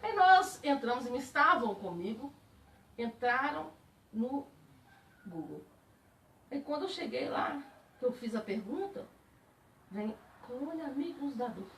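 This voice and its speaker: A woman speaking as a spiritist, giving a personal testimony to a group in animated storytelling. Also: high-pitched, takes it slowly, vocal fry, long pauses, slight background noise. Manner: animated storytelling, laughing while recalling. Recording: echoey room, distant mic.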